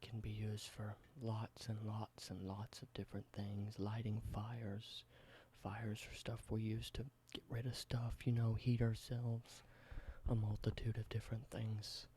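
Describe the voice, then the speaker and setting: An ASMR creator whispers near the microphone in a whispered roleplay, his low voice staying steady with almost no rise or fall. He explains everyday objects slowly and simply. A clear hiss sits beneath the audio.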